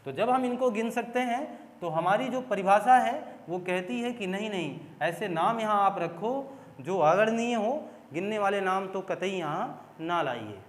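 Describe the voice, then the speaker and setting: A man's voice: high-pitched, animated, measured pace. A man teaching an exam-prep grammar lesson, explaining step by step, repeating key points and putting questions to his students. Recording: echoey room with long reverb.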